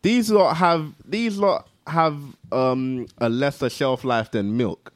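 A man's voice: mid-range voice, takes it slowly, no echo. Young man telling stories, dry mic. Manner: animated storyteller, laughs through anecdotes. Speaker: podcast host. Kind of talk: casual chat.

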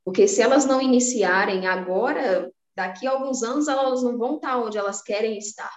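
A woman from Salvador, Bahia, Brazil, speaking with a Bahian Brazilian Portuguese accent, is a podcast guest chatting about personal finance in a casual interview. She sounds earnest and motivating, restarting often, in a voice on the high side that's a little fast and reverberant.

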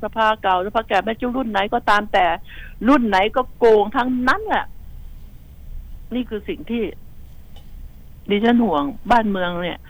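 A woman's voice: medium pitch, moderate pace, long pauses, dry recording, poor audio. A woman commentating on the news on radio, outspoken and indignant, rambling and repeating herself as she talks to listeners. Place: radio studio.

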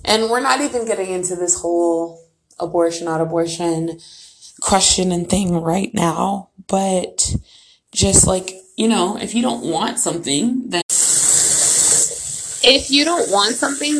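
A woman's voice: mid-range voice, normal speed, a bit bright. A young woman hosting her own podcast, rambling casually and swearing freely, a bit tipsy, recorded at home by the bath. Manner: loose and profane, slightly tipsy. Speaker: podcast host. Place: at home near a bathtub. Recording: noisy home recording with running water.

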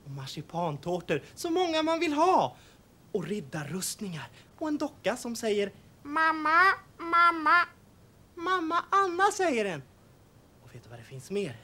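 A woman playing a tiny boy in a golden house in a film, coaxing and sing-song with sudden shouts. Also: high-pitched, wildly swooping pitch, exaggerated voice.

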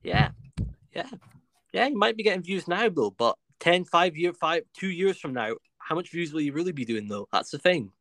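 A man's voice: on the high side, sing-song, normal speed, a bit bright, no echo. A young man hosting a casual podcast chat, boastful, swearing and tripping over his words. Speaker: podcast host.

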